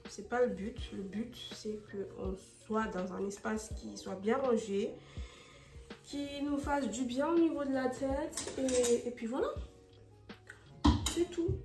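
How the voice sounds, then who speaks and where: Her voice sits on the high side and has a slightly mellow quality as she casually vlogs about tidying her bedroom. Speaking French as a second language, she chats with lots of fillers and restarts and mixes in English phrases. Faint music plays in a roomy, distant-sounding recording.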